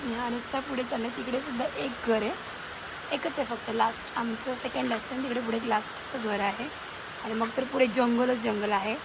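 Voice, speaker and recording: A woman's voice: fairly high pitch, fairly even intonation, a little fast, vocal fry. A woman with a Konkan Marathi accent chattily showing viewers around her village home outdoors, talking into a handheld phone. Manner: chatty, addresses viewers directly. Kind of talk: casual walking vlog narration. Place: outdoors around a village house with forest, in rain. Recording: noisy outdoor ambience.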